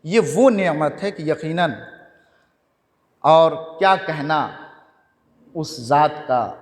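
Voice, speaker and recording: A man's voice: a little high, expressive. A man preaching a sermon at a mourning gathering, repeating phrases in a call-and-response style in a mosque hall. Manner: repetitive call-and-response preaching, climbing to shouts. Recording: echoey hall with long reverb.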